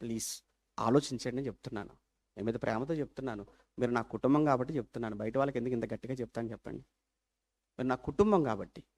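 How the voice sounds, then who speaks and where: A man preaching a sermon as pastor, animated, firing rhetorical questions and swinging from loud appeals to hushed asides. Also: mid-range voice, fast.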